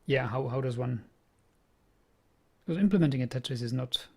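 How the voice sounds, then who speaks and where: This is casual live-stream chat from a young Czech man programming on stream, speaking with a Czech accent and frequently repeating himself while thinking aloud. His voice is medium in pitch, slightly rough, with vocal fry, at a normal speed.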